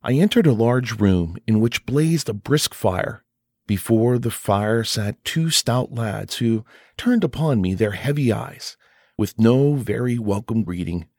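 A man reading a classic short story aloud as an audiobook narrator, in a measured, unhurried way. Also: medium pitch, animated, darkish tone, no room sound, studio quality. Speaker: audiobook reader. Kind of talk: scripted narration.

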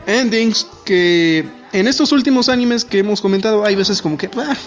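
A man co-hosting a podcast, recapping an anime episode in animated, rambling casual chat. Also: high-pitched, normal speed. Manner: animated, rambling, self-deprecating. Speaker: podcast co-host. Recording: slightly dull podcast audio with faint music.

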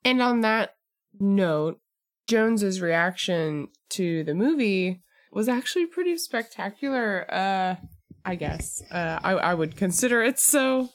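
A woman co-hosting a casual podcast, chatting with an animated, joking manner and quick self-deprecating asides. Her voice sits at an ordinary middle pitch for a woman. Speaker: podcast co-host. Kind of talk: casual chat.

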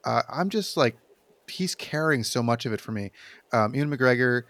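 A man with a mid-pitched voice chats casually about film on a podcast. He rambles with enthusiasm, and the sound is very dry. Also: animated, normal speed, a bit bright, dry recording. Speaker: podcast panelist.

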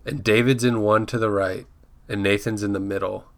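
On a laid-back podcast, a co-host with a lowish voice talks at a moderate pace with fairly even intonation. His episode recap wanders, and he often restarts sentences to correct characters' names.

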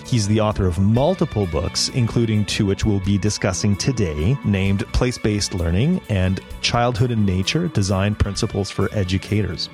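A man with a French accent hosts a podcast interview in a somewhat low voice. He sounds eager and talks in loose, rambling sentences full of restarts. Faint music sits under his speech. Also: normal speed, hardly any pauses, darkish tone. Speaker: podcast host.

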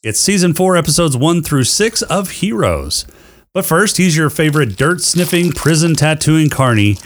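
Sarcastic podcast host man, lively pitch. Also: normal speed, slight background noise. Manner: sarcastic, swearing, exasperated. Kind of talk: casual banter.

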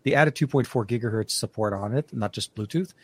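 A man's voice: fairly low pitch, brisk, husky. A man co-hosting a casual tech podcast, rambling with many restarts, fillers and frequent laughs. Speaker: podcast co-host.

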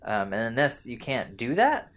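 A young man in casual chat, animated and complaining, sometimes mimicking characters mid-sentence. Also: medium pitch, moderate pace.

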